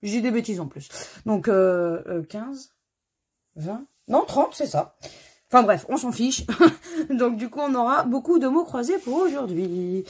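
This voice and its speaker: Middle-aged woman host, unhurried and husky, chatty self-mocking scratch-card commentary at home. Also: on the high side, animated, darkish tone. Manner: chatty, self-mocking, spelling letters aloud. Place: home corner under renovation.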